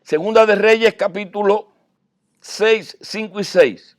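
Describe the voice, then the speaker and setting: Preacher, male, high voice, sermon that swings from hushed to loud. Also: slow.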